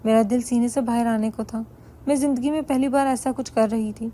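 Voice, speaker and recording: Woman storyteller, first-person narration, slightly high voice, mellow tone, even reading.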